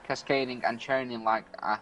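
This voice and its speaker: A man's voice: mid-range voice, fairly even intonation, a bit bright, a little hiss or hum, rough recording. A man on a gaming podcast who reads an urban legend article aloud while playing, often stumbling and restarting his words. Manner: halting reading with frequent stumbles and restarts. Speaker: podcast co-host.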